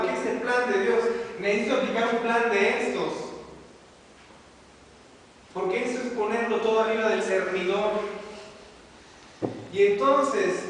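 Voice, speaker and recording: A man teaching a class, telling stories and asking his listeners questions. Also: very high-pitched. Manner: storytelling, asks the audience questions. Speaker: religious teacher. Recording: echoey hall, mic far off, hiss.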